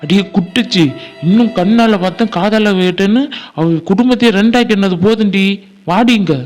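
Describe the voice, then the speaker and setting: A man's voice: high voice, normal speed, darkish tone, faint music behind, close to an everyday voice. A man voicing a reproachful family elder who scolds the women in a homemade cartoon. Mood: scolding.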